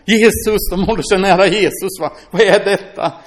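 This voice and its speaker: A man preaching a sermon, reading scripture aloud and commenting on it in a chatty way, often asking his listeners "va?". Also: high-pitched. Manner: lively, swings from loud exclamations to hushed asides.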